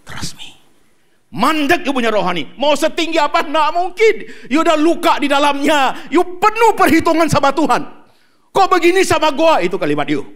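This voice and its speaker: High, lively pastor preaching with humor. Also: male voice. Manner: animated, joking, mixes English into Indonesian. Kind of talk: sermon.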